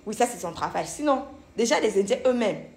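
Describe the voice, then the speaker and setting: A young woman vlogging from home, telling a story in an animated, indignant way and often repeating herself. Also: fairly high pitch, fairly quick. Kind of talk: casual storytelling vlog.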